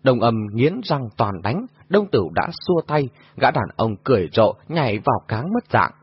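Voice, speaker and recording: A man narrates a martial-arts novel with animated, dramatic storytelling. His husky, lively voice is on a dull, lo-fi recording with a dry sound. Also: mid-range voice, normal speed, no echo. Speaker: audiobook narrator. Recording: dull lo-fi audio.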